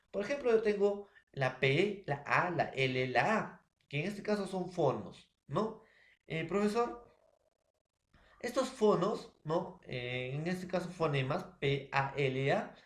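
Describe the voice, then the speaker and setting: Male teacher, Peruvian Spanish accent, slightly high voice, echoey room; answers his own questions, keeps checking in with students. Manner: asks and answers his own questions, tags lines with "¿ya, jóvenes?". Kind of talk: recorded classroom lesson.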